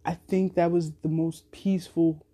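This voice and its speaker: A woman's voice: fairly low pitch, flat delivery, normal speed, warm tone. A woman hosting a casual solo podcast, speaking bluntly and cursing a lot as she tells a story with speech. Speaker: podcast host.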